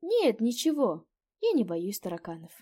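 A woman reading a story aloud, voicing a young gentleman traveler who asks short, dry questions. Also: a little high, huge pitch swings, moderate pace, slightly rough, full character voice. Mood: curt. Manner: short, matter-of-fact questions.

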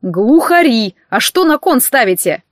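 A smug young man holding forth like a self-appointed judge at a party, read by a woman. His delivery is pompous and preachy, pitched fairly high, with a dry, close sound and no room around it. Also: sing-song, measured pace, no echo. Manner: pompous, sententious.

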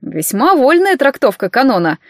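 A playful young man with a theatrical streak who loves to tease his old friend, as a woman reads him. He sounds sly and mock-offended, in a fairly high voice recorded dry and close. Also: sing-song, normal speed, dry recording. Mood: teasing.

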